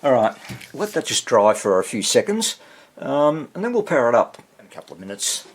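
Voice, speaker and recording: Speaking fairly quickly at a medium pitch with big swings, this vintage radio restorer narrates his repair work informally. He sounds hesitant and self-deprecating, thinking out loud as he goes, in a noisy workshop with audible clicks.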